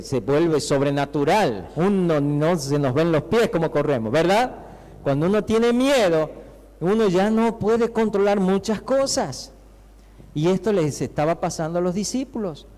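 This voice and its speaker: A male pastor with an Argentine accent preaches in a fairly high voice, drawing the congregation in with rhetorical questions and acted-out cries. His voice carries a long reverb from the church hall around him. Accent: Argentine Spanish. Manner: conversational preaching, rhetorical questions, acts out shouting disciples. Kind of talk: sermon.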